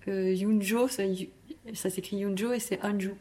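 A woman with a medium pitch speaks haltingly, filling pauses with hesitations. A faint background noise sits behind her voice. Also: steady tone, mellow. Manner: hesitant, many fillers. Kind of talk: casual group discussion.

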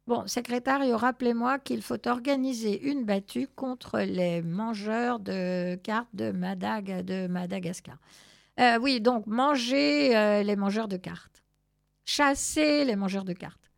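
A woman's voice: on the high side, takes it slowly, gravelly, dry recording, studio quality. A woman doing a fussy cat officer. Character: fussy male cat officer giving orders.

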